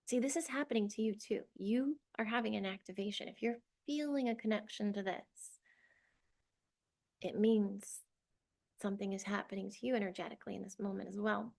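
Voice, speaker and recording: A woman's voice: mid-range voice, fairly even intonation, normal speed, creaky, darkish tone. Rambling, emotional young woman channeler. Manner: rambling, filler-heavy, emotional. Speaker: spiritual channeler. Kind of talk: casual personal storytelling.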